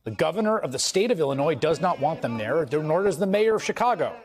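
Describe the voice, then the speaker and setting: A man's voice: fairly high pitch, very animated, fast talker, faint music behind. A man anchoring a news broadcast, reading a scripted report with earnest emphasis from a studio.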